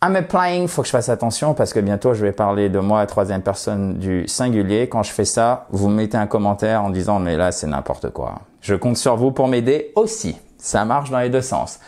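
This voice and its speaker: A man's voice: lowish voice, darkish tone. Chatty man teaching a video lesson. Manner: chatty and friendly, with playful asides; slows down and stresses words to show how they are said. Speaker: language teacher.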